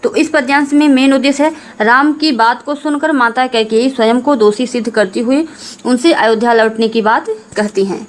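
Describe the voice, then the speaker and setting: A female teacher takes students through Hindi verse, reading each line slowly and then explaining it in plain words. Her voice sits on the high side.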